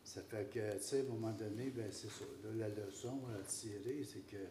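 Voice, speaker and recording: Mellow Québécois man recounting events. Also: fairly low pitch, moderate pace. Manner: storytelling, conversational. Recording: echoey chamber with faint background noise.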